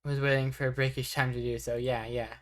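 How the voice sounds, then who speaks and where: A woman's voice: very deep voice, little pitch movement, brisk. A young woman streaming live, chatting casually with her chat, rambling and poking fun at herself. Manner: rambling, self-deprecating, reacting to chat.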